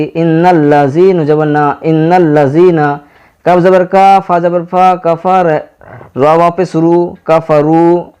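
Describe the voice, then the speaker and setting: An unhurried male teacher with an Indian accent, his voice sitting a little above the usual male range. He works through the letters and vowel marks one syllable at a time, then joins them into whole words. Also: on the high side, darkish tone, clear, resonant tone. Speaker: Quran reading teacher. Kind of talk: slow step-by-step lesson.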